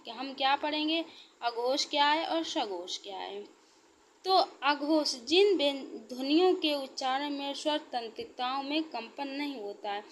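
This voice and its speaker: A woman teaching an exam-prep grammar lesson, speaking slowly and repeating points, asking herself questions and then answering them. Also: high-pitched, a little hiss or hum.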